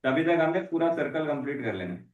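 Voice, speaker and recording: A man's voice: on the high side, lively intonation, fast talker, muffled recording, slight background noise. A man coaching a live jump rope class, mixing Hindi and English and repeating short commands. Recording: echoey room.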